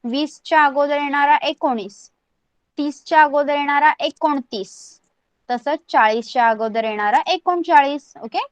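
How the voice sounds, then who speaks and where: A woman's voice: sits high, measured pace, no room sound, lo-fi sound. A woman teaching an online language class, repeating each number and spelling it out letter by letter, switching between English, Hindi and Marathi. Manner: mixes English, Hindi and Marathi when explaining.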